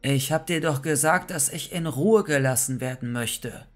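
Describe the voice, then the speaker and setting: A man voicing a cold, emotionless young woman in a horror story, speaking flatly and detached. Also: a little high, normal speed, close to an everyday voice.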